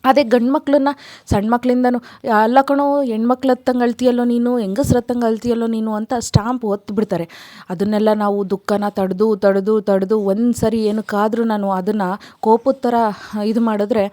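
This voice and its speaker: A woman's voice: on the high side, little pitch movement, moderate pace, dark tone, no echo, lightly acted. A woman voicing a brooding young husband, a hot-tempered tough guy who talks curtly and resentfully. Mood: bitter. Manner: curt, resentful.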